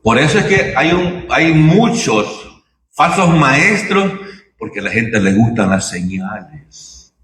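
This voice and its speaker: A man preaching a sermon, his voice bright and forceful. He talks in an unhurried, chatty way and keeps checking in with the congregation. The sound bounces around an echoey church room with a faint hiss behind it. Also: medium pitch, sing-song, distant mic. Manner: conversational preaching, many rhetorical tag questions. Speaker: pastor.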